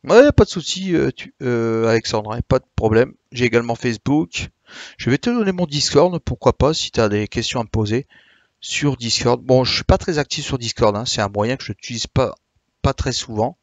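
A man streaming live, chatting casually with viewers, a bit tired, explaining slowly with many hesitations. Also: mid-range voice, lively intonation, dry recording. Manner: hesitant, many "euh" and restarts, friendly explaining. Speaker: Twitch streamer.

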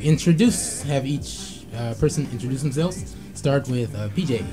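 A man hosting a casual radio talk show from a small studio, relaxed and halting, with many fillers. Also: medium pitch. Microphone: studio mic with headphones. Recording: music playing in the background.

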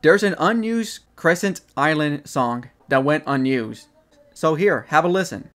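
A man's voice: a little high, animated, measured pace, fairly bright tone, faint music behind. A young man narrating a gaming trivia video in a casual, wry way, with sarcastic asides.

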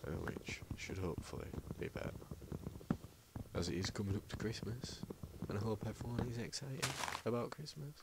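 Guy rambling over a game, mumbles to himself, deep voice, loud hiss behind on a laptop mic. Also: lively intonation, normal speed. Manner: rambling, often mutters under his breath. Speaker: gaming channel host. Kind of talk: rambling gameplay commentary. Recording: loud background noise.

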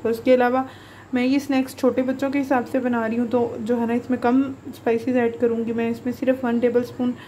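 In a casual cooking tutorial voice-over recorded in her home kitchen, a young woman walks through a recipe step by step, chatty and homely with many fillers. Her voice is fairly high and warm, with slight background noise.

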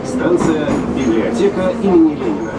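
A man giving calm, formal metro announcements, played over a train loudspeaker. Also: a little high, moderate pace, recorded from a distance. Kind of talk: recorded transit announcements. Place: moving metro train car. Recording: echoey loudspeaker inside a noisy train car.

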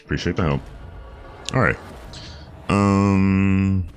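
A man streaming a game, chatting casually, reading chat aloud and thinking out loud. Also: deep voice, slow pace, soft background music. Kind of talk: casual gameplay commentary.

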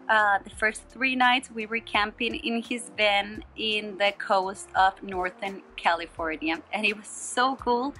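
A woman's voice: fairly high pitch, sharp tone. A young woman talking to her camera in a casual travel vlog, cheerful and laughing often, in simple non-native phrasing, filmed outdoors and in a van. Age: young adult. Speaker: travel vlogger. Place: outdoors on a beach and coast, and inside a van. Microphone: handheld camera at arm's length. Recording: music playing over the voice.

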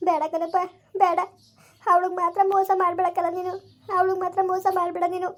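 A woman's voice: very high voice, monotone, fast talker. A woman acting a village mother who pleads with and scolds her soldier son. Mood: pleading. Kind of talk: village family drama acting.

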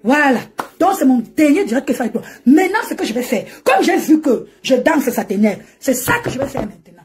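A woman's voice: high voice, animated, fast talker, darkish tone, faint music behind. A woman ranting and mocking on a live stream from home, laughing often as she talks into her phone. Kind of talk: animated Facebook live rant.

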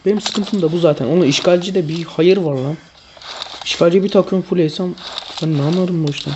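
Exasperated low-voiced gamer woman, noisy. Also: a little fast, dull audio. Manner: exasperated, teasing, slangy banter. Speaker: mobile game streamer. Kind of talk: casual gaming chat with a friend.

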